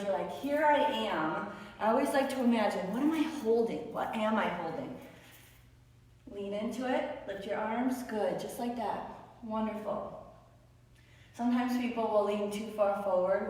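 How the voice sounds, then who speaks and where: A yoga instructor with a raspy, darkish, mid-range voice guides a beginner class with playful, encouraging cues, though she sounds tired after many classes. She's far from the mic, and her words ring through a very echoey room with a long, trailing reverb.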